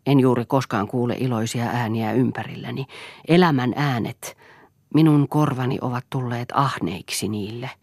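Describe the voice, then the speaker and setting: A woman reading the part of a male doctor in an audiobook, speaking in a measured, gently ironic way. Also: a bass voice, husky, no room sound, studio quality, exaggerated voice. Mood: earnest. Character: man, a doctor, gently wry and earnest. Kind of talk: audiobook character voice.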